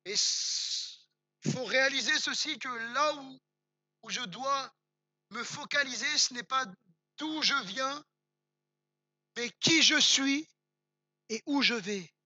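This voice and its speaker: French male pastor, bright tense voice, emphatic sermon with casual asides. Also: very high voice, slow pace, long pauses, no room sound. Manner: emphatic, repeats words for stress, rises to near-shouts; conversational asides, addresses the congregation directly.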